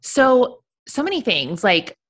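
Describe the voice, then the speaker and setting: A woman's voice: a little high, very animated, takes it slowly. A woman coach talking earnestly and emphatically in a podcast interview. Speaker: sobriety coach.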